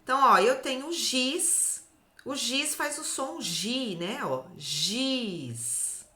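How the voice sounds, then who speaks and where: Brazilian woman, children's literacy teacher, slow deliberate delivery, echoey room. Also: high-pitched, expressive, bright, forceful tone. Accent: Brazilian Portuguese. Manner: slow, drawn-out syllables, often ends with "tá?". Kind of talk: slow, clear phonics lesson for children.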